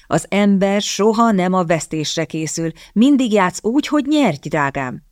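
A doting father with a pipe, teasing and instructive as he coaches his daughter at cards, voiced by a woman narrating the book. His lines sit a touch lower and softer than the narration, in a dry, close recording. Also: animated, no room sound, close to an everyday voice. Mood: teasing fond. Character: fond card-playing father, pipe smoker.

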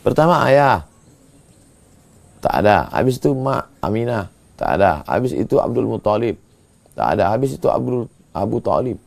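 Gravelly-voiced man preaching a sermon. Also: fairly low pitch, sing-song, a little mellow. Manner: swings from slow drawn-out chanting to quick emphatic scolding. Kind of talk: sermon with Quran recitation.

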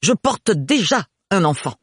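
A man voicing a vain, spoiled young woman who talks in a shrill, drawn-out, whiny way. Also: big pitch swings, breathy edge, dry recording, clean studio sound, heavily acted.

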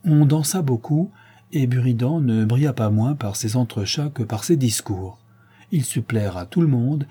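A man reading a 19th-century novella aloud as an audiobook narrator, with measured, expressive storytelling. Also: medium pitch, breathy edge.

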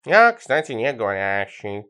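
A man voicing a cheeky male tomcat that talks in a flat monotone. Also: fairly low pitch, unhurried, pitched below the performer's own voice. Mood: deadpan.

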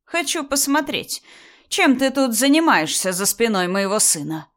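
A woman reading a story aloud and voicing a spiteful, suspicious older mother-in-law who talks in a shrill, accusing way. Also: lively intonation, normal speed, lightly acted.

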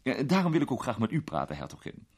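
A man voicing a flattering, playful young aristocrat in a storybook reading. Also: mid-range voice, fast, breathy edge, pitched above the performer's own voice. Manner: flattering, teasing.

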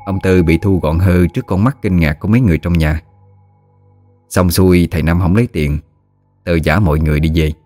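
A man's voice: low-pitched, brisk, dark tone, soft background music. A man with a Southern Vietnamese accent narrating a ghost story steadily.

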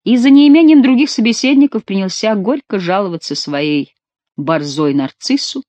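A woman reading a classic historical novel aloud in a measured, expressive manner. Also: medium pitch, dry recording. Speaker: audiobook narrator. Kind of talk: literary audiobook narration.

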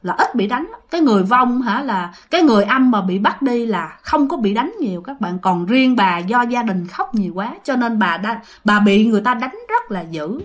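In casual spoken storytelling, a woman hosting ghost stories talks expressively at normal speed with few pauses. Her voice is a little high, and she has a Southern Vietnamese accent. She chats informally, repeats phrases, and addresses listeners directly.

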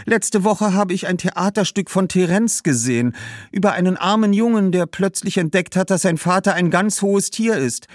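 A woman's voice: lowish voice, moderate pace, darkish tone, dry recording, studio quality, pitched above the performer's own voice, close to an everyday voice. A man voicing Herodias, a weary Roman woman who meets news with disbelief. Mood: skeptical. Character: skeptical, weary Roman woman, quick to sigh.

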